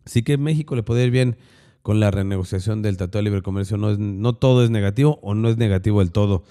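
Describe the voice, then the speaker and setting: A man's voice: fairly low pitch, quick pace, mellow, smooth. A man with a Mexican accent hosting a news podcast, giving opinionated commentary with sarcastic, crude slangy asides.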